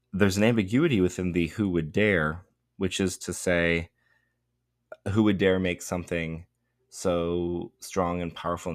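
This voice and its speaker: A man with a very low voice talks through a poem at a slow, deliberate pace, stopping to rethink his words as he goes. It's a spoken lesson, explaining rhythm and rhyme in a careful, searching way. The sound is dry and close, with little room around it. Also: no room sound. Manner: thoughtful, unhurried explaining with fillers and restarts. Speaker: English teacher.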